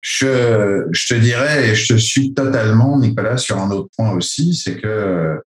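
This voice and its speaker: A man's voice: on the low side, measured pace, roomy sound. A man from France talking casually in a discussion, rambling with many fillers and restarts.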